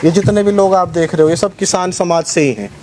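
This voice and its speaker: Man, high-pitched, forceful preaching, press conference spokesman. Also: fairly quick, a little hiss or hum. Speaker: Arya Samaj spokesman.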